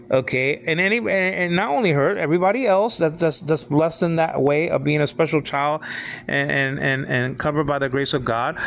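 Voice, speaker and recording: A man of sixty giving an informal talk on faith, halting and repeating himself, often asking if the listener follows. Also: a little high, a bit bright, slight background noise. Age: 60s. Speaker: father speaking on faith.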